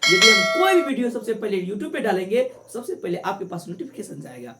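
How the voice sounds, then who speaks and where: A woman teaches math to camera in a classroom-style tutorial, coaxingly calling her viewers friends, repeating each step, and asking and answering her own questions. Her mid-range voice is sing-song, a little fast, pushed and bright, with a roomy sound.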